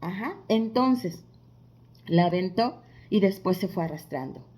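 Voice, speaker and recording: A woman leads a devotional Bible lesson at a medium pitch. She talks in a chatty, conversational way, pausing on fillers and turning to her listeners with rhetorical questions. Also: lively intonation, darkish tone. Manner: frequent filler pauses. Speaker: Bible study teacher.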